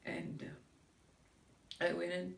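Woman acting halting, grieving mother, searching soliloquy. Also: on the low side, monotone, vocal fry, full character voice. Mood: halting, distressed. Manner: searching soliloquy, halting with long pauses, groping for words. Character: grieving mother recalling her daughter's decline, subdued and bewildered. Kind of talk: dramatic monologue. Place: indoor room before a curtain, recorded from a few feet. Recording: roomy echo, distant microphone.

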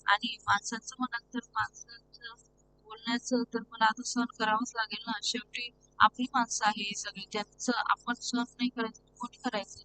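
A woman voicing a gentle, patient young wife who talks to herself and pleads softly, over a steady hum. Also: a little high, moderate pace, close to an everyday voice. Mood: placating. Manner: soft, self-talk, pleading.

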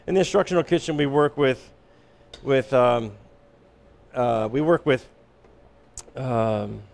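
A man working as a chef instructor, giving a relaxed, explanatory cooking demonstration in an instructional kitchen. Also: mid-range voice, takes it slowly, gravelly. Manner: relaxed, explanatory, with frequent restarts.

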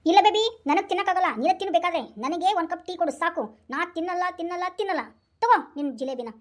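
A woman plays a whiny, henpecked young husband in a comedy sketch. He pleads and protests at high pitch, saying the same thing over and over in a quick, breathless rush. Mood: protesting. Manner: pleading, protesting and repeating himself. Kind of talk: comic sketch acting.

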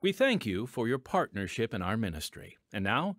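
Casting: American male announcer, animated and folksy, dry studio sound, scripted appeal. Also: lowish voice, normal speed, no room sound. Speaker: announcer, host.

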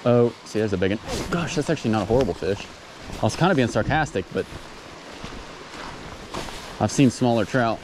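A man's voice: mid-range voice, background noise. A young man chatting and joking with a friend while fly fishing outdoors by a stream. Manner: joking, excitable, banters with his friend. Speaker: angler filming his fishing trip. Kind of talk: casual chat while fishing. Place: outdoors by a forest mountain stream. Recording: outdoor camera audio with rushing water.

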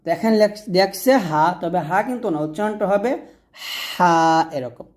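A woman with a Bangladeshi Bengali accent teaching Arabic letter pronunciation, patiently repeating each sound slowly. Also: mid-range voice, a little mellow. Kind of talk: explaining letter by letter.

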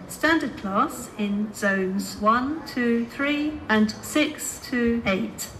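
A woman's recorded voice making train station announcements over loudspeakers, slow and measured, her words evenly spaced. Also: fairly high pitch, background noise. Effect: train station public address announcement over loudspeakers. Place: railway station platform.

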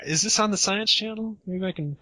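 Podcast host, male, bright husky voice, easygoing and quick to laugh at his slips. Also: high-pitched, poor audio. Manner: laughs off his own flubs and retakes. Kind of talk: casual gaming podcast chat.

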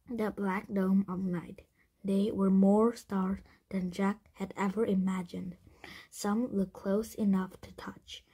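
A woman reading a children's chapter book aloud, in a soft, half-whispered manner that stumbles and restarts. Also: medium pitch, breathy edge. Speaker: reader.

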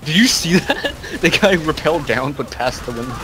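A man's voice: a little high, a little slow, background noise. A young man chatting and teasing his friends while playing a co-op game. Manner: teasing, laughing, animated. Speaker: co-op gamer. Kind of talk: casual gaming chat. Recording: game music behind the voice.

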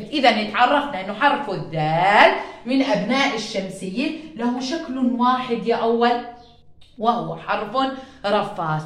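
A woman with a Jordanian Arabic accent teaching a first-grade phonics lesson, sounding out letters slowly and drawing them out. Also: medium pitch, a bit bright, roomy sound. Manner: slow, drawn-out sounding of letters, sings short chants. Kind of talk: children's phonics lesson with sung chants.

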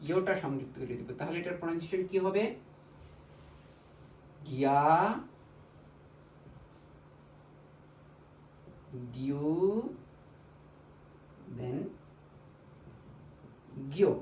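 A man with a Bangladeshi Bengali accent teaching a language lesson, slowly drilling syllables one by one. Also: fairly high pitch, a little hiss or hum. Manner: slow, repetitive drilling of syllables. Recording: echoey room, mic far off.

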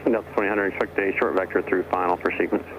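A man with a low-sitting voice, steady in tone and quick in pace, works as an air traffic controller giving terse procedural instructions. He's heard over narrowband aviation radio with airplane engine noise in the background.

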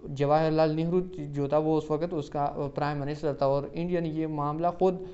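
Male exam-prep lecturer, slightly higher voice, reads questions slowly, dull lo-fi recording. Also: fairly even intonation, warm tone. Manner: slow, deliberate reading of English options, quicker Hindi-Urdu explanations; addresses listeners as "student" often. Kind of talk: reading out and explaining exam questions.

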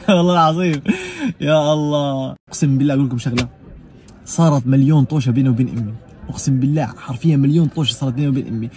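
A young adult man from Gaza, a vlogger with a Gazan Arabic accent, talks rapidly in a casual personal monologue. His voice sits at medium pitch with a darkish tone, and he's emphatic, swearing oaths often to stress his points.

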